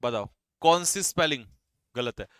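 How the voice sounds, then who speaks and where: A man teaching English vocabulary for exam prep, quizzing students briskly and teasing them. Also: medium pitch, expressive, a bit bright, clear, resonant tone, dry recording, studio quality. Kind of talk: live online exam-prep class.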